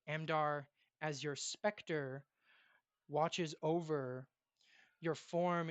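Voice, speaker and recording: A game master narrating a tabletop game in a dramatic, drawn-out way. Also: mid-range voice, a bit bright, dry recording.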